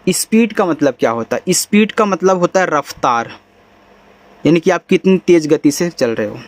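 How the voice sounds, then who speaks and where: This English teacher talks at a normal speed in a fairly high voice with lively intonation. He's patient as he walks through spelling and pronunciation, staying relaxed and friendly and using bhai and yaar.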